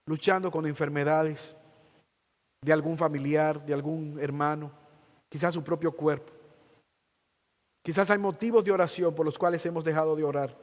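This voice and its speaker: A male pastor preaches in a slow, earnest way and leans hard on key words. His voice sits fairly high for a man. It carries a long reverb from the church hall. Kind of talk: sermon ending in prayer.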